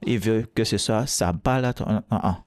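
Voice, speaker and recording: A man's voice: fairly low pitch, normal speed, darkish tone, smooth, dry recording. A man preaching a sermon, emphatic and exhorting, with short repeated calls to the listeners.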